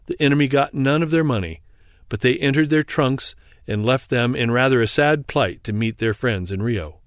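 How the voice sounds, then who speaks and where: A man calmly reading an old first-person sea memoir aloud in a measured, formal manner. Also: medium pitch, dry recording, clean studio sound. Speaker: audiobook reader. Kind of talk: scripted narration of a memoir.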